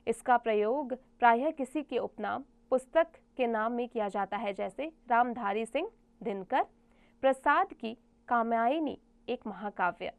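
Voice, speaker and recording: A woman teaching a grammar class for children, with a voice pitched a little high. She explains each rule plainly and reads the example sentences aloud. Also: a little slow.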